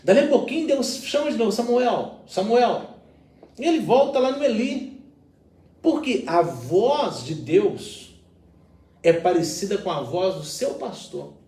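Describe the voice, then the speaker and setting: A man's voice: high voice, sing-song, measured pace, mellow, roomy sound, recorded from a distance. A man, a pastor, talking through a Bible reflection in an earnest, explanatory way with everyday examples.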